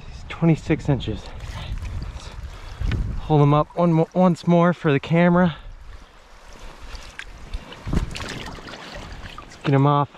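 By a winter creek, a young man fly fishes and chats casually to his action camera, worn on his chest or held at arm's length. His slightly high voice moves slowly with frequent pauses, turning excited and breathless as he lands a fish. Flowing stream water murmurs faintly outdoors.

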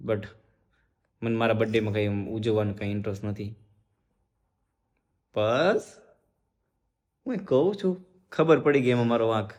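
A man's voice: fairly low pitch, moderate pace, long pauses, a little mellow, dull audio. A young man, chatting casually to his viewers in a family vlog. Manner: chatty, addresses viewers directly. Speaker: family vlogger.

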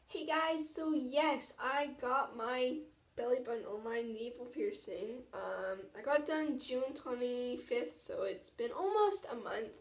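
A woman's voice: fairly high pitch, a little slow. A teenage woman chatting casually and self-deprecatingly to camera as a vlogger, in an informal way. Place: small tiled washroom at home, indoors. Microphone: camera propped about arm's length away. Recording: echoey bathroom, distant mic.

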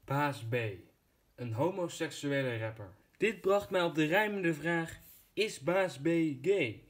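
A man narrating a scripted video as its host, in a deadpan, playful manner. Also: fairly high pitch, measured pace.

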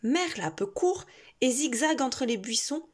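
A woman's voice: high voice, slightly rough. A woman storyteller reading a picture book expressively, as if to a toddler. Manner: slow, animated, reading as to a toddler.

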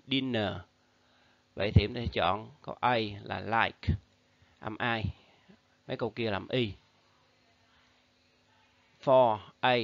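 A man teaching an English review lesson to schoolchildren, reading the options out slowly and patiently, with a Vietnamese accent. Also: fairly low pitch, creaky, no room sound, highs cut off. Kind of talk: recorded lesson for pupils.

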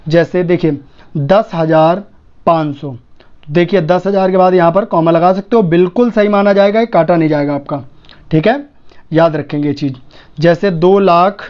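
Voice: medium pitch, warm tone, highs cut off. A teacher walking students through punctuation examples, checking in with frequent "okay" and "look here.". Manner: repeats "ठीक है" and "देखिए", points to examples on a page. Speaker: shorthand teacher. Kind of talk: explaining grammar to students.

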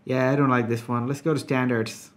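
A man giving a relaxed, conversational software tutorial, talking through each step with frequent filler words. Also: mid-range voice, a little fast. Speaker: software reviewer. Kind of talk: casual screen-recorded tutorial.

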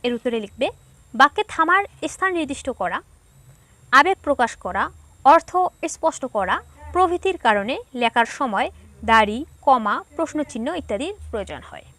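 A woman teacher with a high voice gives an online class. She reads each question out, then dictates the answer slowly and patiently, one step at a time. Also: expressive, a bit bright, no room sound. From Bangladesh. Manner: patient, explains step by step to pupils.

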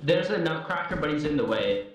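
A man's voice: a little high, animated, a little fast, slight background noise. A man chatting as a fellow player, trash-talking and teasing the others. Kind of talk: casual voice chat.

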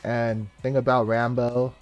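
Excitable young man reacting to a trailer. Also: medium pitch, measured pace, muffled recording, faint music behind. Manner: excitable, swings from mumbling to loud outbursts. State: cold and shivering, early morning. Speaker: reaction streamer. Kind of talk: casual reaction commentary.

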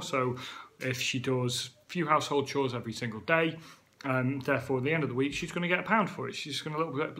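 Man in his thirties with a British accent, fitness coach, relaxed chatty motivational vlog delivery, ordinary middle pitch. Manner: chatty, with frequent 'um' and 'okay?' asides. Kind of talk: casual motivational talk to camera.

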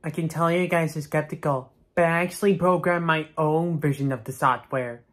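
A man voicing a boastful, nerdy young cartoon raccoon who shows off with drawn-out words. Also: a little high, fairly even intonation, fairly bright tone, lightly acted. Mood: proud.

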